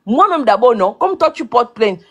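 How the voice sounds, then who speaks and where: A woman's voice: on the high side, very animated, normal speed. A woman in a heated online rant, hurling insults and repeating her accusations. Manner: insulting, combative, repetitive name-calling. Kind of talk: angry live-video rant.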